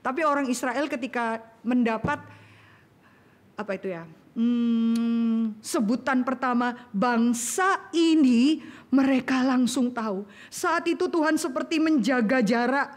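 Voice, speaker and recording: A middle-aged woman preaching a sermon, animated and acting out voices in everyday slang. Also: high-pitched, unhurried. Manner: animated, acts out voices in colloquial Jakarta slang.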